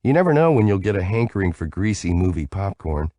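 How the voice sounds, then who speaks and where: A man's voice: low-pitched, big pitch swings, brisk, mellow, no echo, studio quality. A man doing a giggly, sleepy young woman. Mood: playful. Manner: giggly, rambling, playful.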